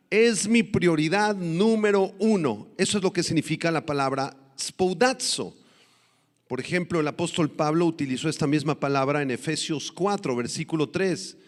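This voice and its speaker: A male pastor preaching a sermon with emphasis, slowing down to stress scripture verses. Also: fairly high pitch, long reverb tail.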